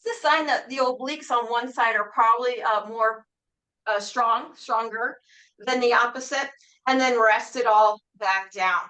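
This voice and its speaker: Woman fitness instructor, high bright voice, calm encouraging class cues. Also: normal speed, rough recording. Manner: calm, encouraging, asks reflective questions. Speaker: Pilates instructor. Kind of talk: guided exercise class cueing.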